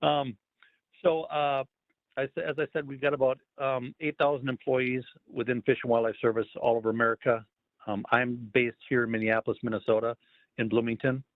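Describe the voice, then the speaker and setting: A man's voice: mid-range voice, fairly quick, no room sound. Man talking over a tinny phone line. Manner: relaxed, lots of ums and uhs. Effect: speaking over a phone line. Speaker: federal wildlife agency staffer giving a career talk. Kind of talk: casual online presentation. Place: online video call.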